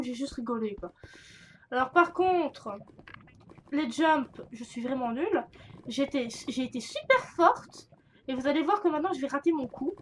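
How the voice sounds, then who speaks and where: Chatty high-voiced young woman gamer. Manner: chatty, rambling with many fillers and restarts. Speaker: gaming youtuber. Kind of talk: casual let's-play commentary.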